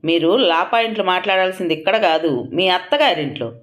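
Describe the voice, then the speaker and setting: A woman's voice: lowish voice, fast, natural voice. A woman voicing a defiant young daughter-in-law who talks bluntly and sarcastically. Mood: defiant, sarcastic.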